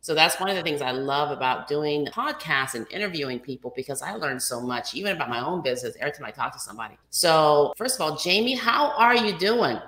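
A woman's voice: deep voice, lively intonation, quick pace, few pauses, fairly bright tone, reverberant, low-quality recording. A woman hosting a podcast interview, talking in an effusive, enthusiastic casual way. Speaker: podcast host.

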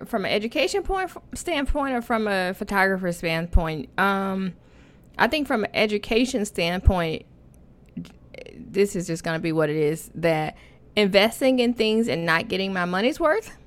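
A woman's voice: medium pitch, animated, unhurried. A woman speaking casually as a podcast guest, thinking aloud in an informal, conversational way. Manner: informal, thinks aloud with repeated "you know" and "like". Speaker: podcast guest, photography educator and conference founder.

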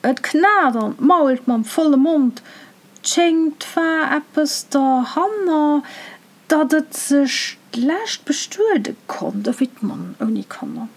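A woman reciting a rhyming dialect tale in a measured, rhythmic way. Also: high-pitched, sing-song. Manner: measured, rhythmic verse delivery. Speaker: storyteller.

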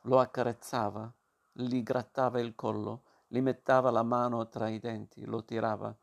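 A man reading a novel aloud as narrator, steady and measured. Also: medium pitch, creaky.

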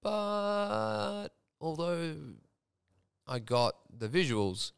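A man's voice: on the high side, sing-song, very slow, creaky, clean tone, no echo, studio quality. A young man, hosting a podcast and telling a personal story frankly, swearing freely. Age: young adult. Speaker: podcast host.

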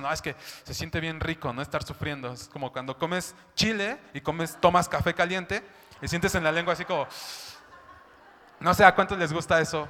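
A man with a high, bright, forceful voice preaches a sermon in a conversational style, repeatedly asking "¿no?" and "¿sabes?" The recording has a long hall reverb.

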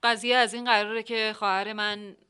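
A woman narrates and hosts a comic radio drama, chatty and a little flustered, often apologizing to the other characters. Her mid-range voice is smooth, bright and forceful, though her delivery is flat.

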